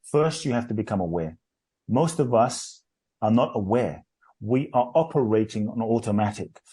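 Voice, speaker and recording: A man's voice: on the low side, expressive, normal speed, dark tone, husky. Emphatic man giving motivational talk. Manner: emphatic, repeats phrases in lists. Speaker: guest speaker. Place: radio show studio.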